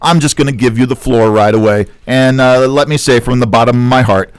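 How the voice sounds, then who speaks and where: A man's voice: mid-range voice, fairly quick, smooth, dry recording. A man hosting a casual sports podcast, teasing his co-hosts and reading a sponsor spot. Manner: teasing, talks over others. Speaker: podcast host.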